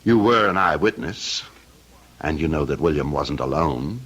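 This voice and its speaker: Deep, menacing scheming heir. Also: male voice, expressive, fairly bright tone, breathy edge, highs cut off, exaggerated voice. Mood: coldly insistent. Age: 30s. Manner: menacing, mocking, theatrically deliberate. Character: cold, scheming, blackmailing heir in his late thirties. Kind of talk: old-time radio drama acting.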